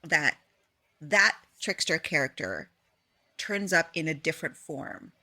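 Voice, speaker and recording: Bright-voiced interview host, a woman. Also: low-pitched, big pitch swings, slow. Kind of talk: conversational interview.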